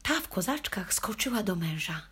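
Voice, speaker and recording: A woman's voice: medium pitch, very animated, normal speed, fairly bright tone, husky. A woman reading a children's story aloud in the first person as a playful puppy, with a wry storytelling manner. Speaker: audiobook reader.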